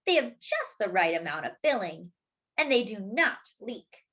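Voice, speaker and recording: A woman with a mid-range, somewhat bright voice reads a picture book to young kids, hosting storytime with lots of animation. She draws out words expressively and slips in small asides to her listeners. The audio sounds dull.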